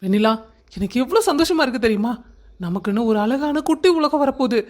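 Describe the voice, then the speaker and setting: A woman voices a tender young husband in a cartoon, gently reassuring. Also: extremely high pitch, animated, fairly quick, a little hiss or hum. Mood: soothing. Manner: soothing, affectionate. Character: loving young husband, soothing.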